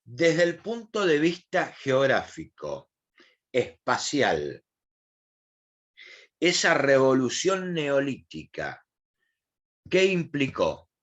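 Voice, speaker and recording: A man's voice: mid-range voice, huge pitch swings, slow, pauses often, a bit bright, highs cut off. A man with an Argentine accent teaching an online class, asking questions and explaining in a colloquial way. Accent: Argentine Spanish.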